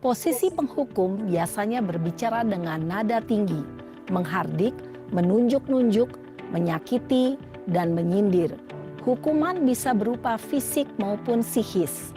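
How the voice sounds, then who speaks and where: A woman narrating a teacher-training lesson in a clear, measured, explanatory way. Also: mid-range voice. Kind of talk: scripted educational narration. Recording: voice-over over music. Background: background music.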